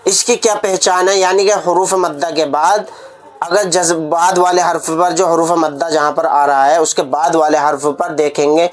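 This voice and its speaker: A man's voice: fairly high pitch, fairly even intonation, normal speed, crowd noise. A man teaching Quran reading, spelling out letters one by one and drawing out the long vowels so students can repeat after him. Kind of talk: step-by-step recitation lesson.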